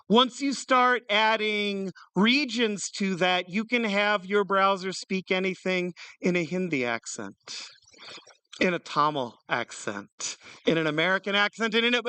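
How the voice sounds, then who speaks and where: A conference speaker giving a live tech talk in an energetic, punning way that jumps between fast and slow, picked up from a distance. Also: mid-range voice, clear, resonant tone, no room sound.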